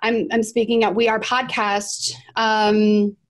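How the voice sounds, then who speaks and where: A woman's voice: medium pitch, level tone, slow. A woman on a video call, a guest podcaster chatting with enthusiasm and lots of "like" and "right?". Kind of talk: casual video-call discussion.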